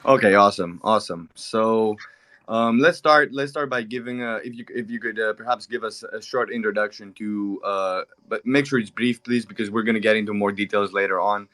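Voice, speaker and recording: A man's voice: lowish voice, fairly quick, a bit bright. Upbeat man hosting an online audio chat. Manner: upbeat, repeats words like "awesome". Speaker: host. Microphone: online audio stream.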